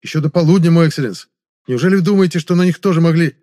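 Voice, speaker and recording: Guy putting on a higher, flustered young-ish magister, eager to please, audiobook. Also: rapid-fire, dark tone, close to an everyday voice. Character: anxious deferential male magister, eager subordinate.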